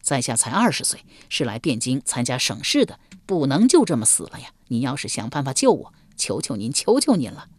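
A woman's voice: a bass voice, very animated, moderate pace, husky, no room sound, exaggerated voice. A woman reader voicing a twenty-year-old male scholar who is eager, polite and begging in an audiobook. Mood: pleading. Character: young male scholar, 20, frightened and pleading. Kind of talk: audiobook character voice.

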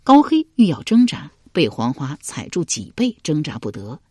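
A man's voice: a little high, wildly swooping pitch, moderate pace, darkish tone, breathy edge, no echo, studio quality. A man narrating a historical novel, telling it dramatically and voicing many characters. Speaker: storyteller.

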